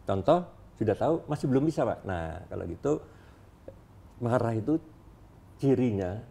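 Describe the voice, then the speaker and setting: A man who teaches acting speaks as a guest on a studio talk show. His voice is mellow and dark. He explains patiently and breaks into short acted-out examples. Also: mid-range voice, expressive, normal speed, creaky, slightly rough.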